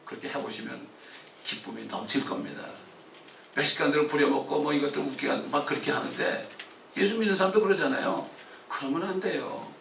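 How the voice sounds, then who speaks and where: A male pastor preaching a sermon in a fervent style, breaking into sudden shouts. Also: a little high, a little fast, creaky, slight background noise. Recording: echoey church hall, distant mic.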